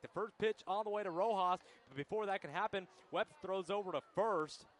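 A man doing live baseball play-by-play commentary for a radio broadcast. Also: sits high. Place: ballpark broadcast booth.

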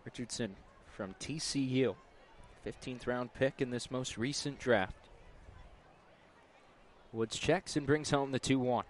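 A man delivers live baseball play-by-play in a mid-range voice. His phrasing is clipped and terse, and clear outdoor ballpark noise runs behind him. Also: medium pitch, slow pace, pauses often. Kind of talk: live play-by-play sports commentary. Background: outdoor ballpark ambience.

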